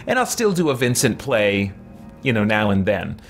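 A game streamer in his forties rambles through casual, reflective gameplay commentary from a small indoor room with shelves. His lowish voice swings widely in pitch at a moderate pace. Faint music plays behind him, and game ambience is clearly audible in the background.

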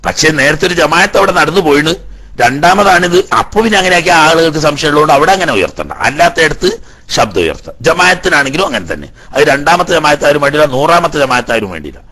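A man's voice: fairly high pitch, big pitch swings, fast talker, pushed and bright. A male religious teacher giving a lecture on Islamic law, explaining Arabic phrases line by line and asking the class rhetorical questions. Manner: explains Arabic text line by line, then paraphrases.

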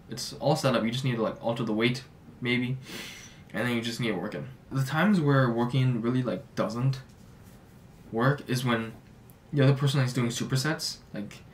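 A man's voice: medium pitch, far from the mic, slight background noise. Casual young man, slightly off-mic. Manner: relaxed, lots of "like" fillers. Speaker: fitness YouTuber. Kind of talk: casual talking-head advice. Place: small home office, indoors.

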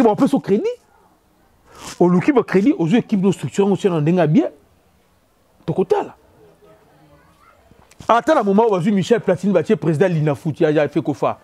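A man with a Congolese French accent delivers a heated, repetitive rant as a football commentator. His voice sits high for a man yet sounds dark and mellow in tone. He hammers each point again and again. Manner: emphatic, repetitive, rapid code-switching. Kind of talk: opinion rant on local football.

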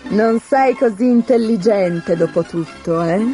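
A woman's voice: measured pace, soft background music, close to an everyday voice. A woman playing a blustering male tsar. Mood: delighted. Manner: exclaiming, mocking, louder and higher. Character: proud blustering male tsar, grows grumpy.

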